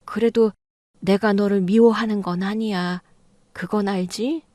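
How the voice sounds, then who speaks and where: Woman doing an old mother-in-law, defensive, flustered, mellow dark voice, dry close sound. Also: medium pitch, fairly even intonation, unhurried, no room sound, natural voice. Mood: placating. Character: older mother-in-law, stubborn then backpedaling. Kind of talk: audio drama reading.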